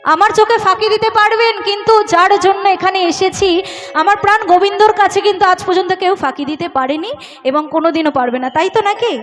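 A woman's voice: very high-pitched, fast talker. A woman folk singer talking from a live stage, coaxing the audience to clap and sing along. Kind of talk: live stage talk between songs. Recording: loud band music behind the voice.

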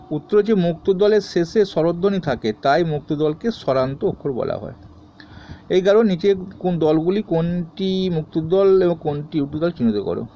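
A man teaching a grammar lesson to students, reading each question and then explaining the answer in a steady tone. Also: fairly high pitch, highs cut off, a little hiss or hum.

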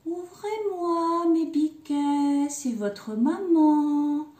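Brief: cunning storybook wolf, slow sugary put-on voice, a woman voicing it, roomy sound. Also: high voice, warm tone, pitched above the performer's own voice. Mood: falsely sweet. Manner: slow, drawn-out, falsely sweet. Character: sly male wolf faking a sweet mother's voice. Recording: echoey room.

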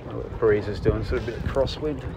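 A man's voice: lowish voice, quick pace, vocal fry. A man coxing a rowing crew, calling out terse, clipped commands. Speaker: rowing coxswain. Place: outdoors in a rowing boat on water. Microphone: coxswain's worn microphone. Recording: noisy on-water boat recording. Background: loud water and boat noise.

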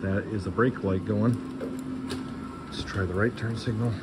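A man restoring an old truck talks through the repair in a relaxed way, thinking aloud as he works in a big garage workshop and filming on a handheld or body camera. His lowish voice keeps a measured pace, and the audio is very noisy.

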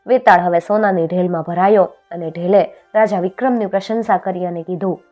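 Woman narrating an old folk tale, lowish voice, lo-fi sound w/ soft music behind. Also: fairly quick. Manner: expressive, raises voice for quoted characters. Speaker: storyteller. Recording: dull lo-fi sound with faint music.

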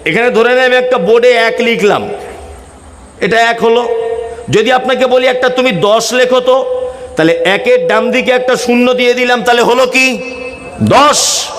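A man's voice: extremely high pitch, moderate pace, long pauses, a bit bright. A man from West Bengal with a West Bengal Bengali accent, preaching a waz sermon at a large gathering, asking the crowd questions and answering them himself. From West Bengal, India. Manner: counts and explains in a teaching tone. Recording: echoey, long reverb over a public address system.

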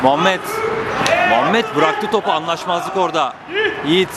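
A man's voice: moderate pace, over a noisy crowd. A man giving live football play-by-play in short, clipped phrases. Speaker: football match commentator. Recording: noisy outdoor pitch recording.

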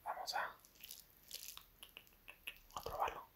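A young man doing whispered ASMR eating commentary in halting, short phrases, close to the microphone in a small bedroom. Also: sharp tone. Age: young adult. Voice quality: breathy, unvoiced whisper. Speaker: ASMR mukbang creator. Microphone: desk microphone close to the mouth.

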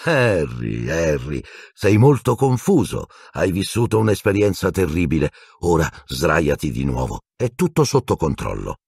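A man's voice: a bass voice, sing-song, a little slow, creaky, a little mellow, slightly rough, dry recording, clean studio sound, heavily acted. A man voicing a fussy, anxious middle-aged male minister in an audiobook, agitated and placating.

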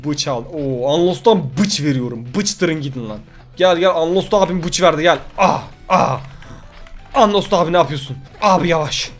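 A man giving loud, joking commentary while playing mobile games. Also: on the high side, lively intonation, normal speed, soft background music. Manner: loud, jokey, swearing, exclaiming at the game. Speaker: gaming youtuber. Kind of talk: let's play commentary.

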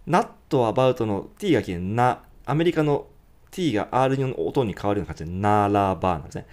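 A man, a university English teacher, giving a pronunciation lesson who sings lyric lines slowly and then explains them quickly. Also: on the low side, expressive, a little mellow. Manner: breaks lyrics into slow drawn-out syllables, then explains quickly.

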